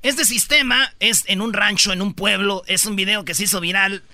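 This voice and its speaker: A Mexican man hosting a comedy radio countdown who tells slangy stories and slips into other people's voices. His voice is high and very bright, and it is recorded close and dry on a studio mic. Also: moderate pace, no echo. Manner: joking storyteller, acts out quoted voices, slangy. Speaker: radio show host.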